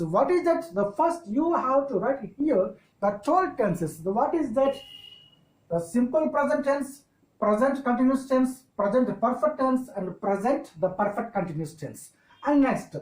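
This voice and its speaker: A woman with a Telugu accent, a native Telugu speaker, teaching an English grammar lesson in halting, repetitive phrases. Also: sits high, a little mellow. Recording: echoey room.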